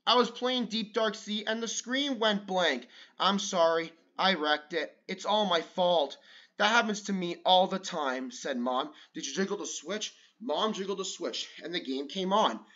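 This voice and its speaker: In an unhurried, high-sitting voice with the highs cut off, a man reads a kids' picture book, shifting voices for different lines. He gets louder for the excited parts and stops between pages to chat casually.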